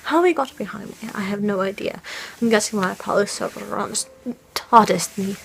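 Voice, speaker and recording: A young woman playing a frightened young woman haunted by dreams of falling, in a hushed, halting voice that often drops to a whisper, recorded at home on a camera mic. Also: mid-range voice, gravelly, soft background music, lightly acted, low-quality recording. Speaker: vlogger. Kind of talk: in-character fan fiction vlog.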